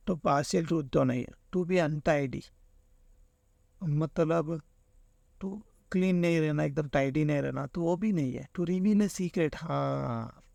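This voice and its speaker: A man's voice: on the high side, creaky, darkish tone, no room sound, studio quality. A man teaching an exam-prep lesson, walking through answer options and explaining each with everyday examples. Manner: explains with everyday examples, keeps saying "theek hai".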